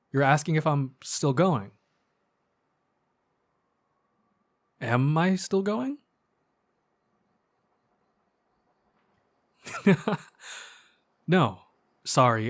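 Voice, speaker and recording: In an ASMR roleplay, a man plays an earnest young best friend, speaking softly and intimately as if to one close listener. His pitch is average for a man, his phrasing casual and hesitant, and his natural voice carries a casual, apologetic mood.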